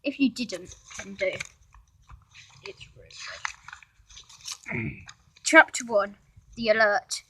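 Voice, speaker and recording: Someone who sounds female, an amateur storyteller, reads a homemade story aloud haltingly, restarting often and tossing informal asides to listeners. The mid-range voice is pushed, bright, and slightly rough, and the recording quality is low.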